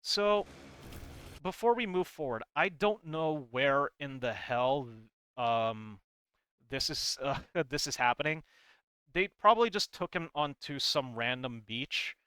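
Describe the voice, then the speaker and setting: With a bright, crisp, animated voice at medium pitch, a man slowly rambles through a casual explainer on game lore, hedging as he goes. Between comments he reads comic text aloud, and the dry recording has no room sound.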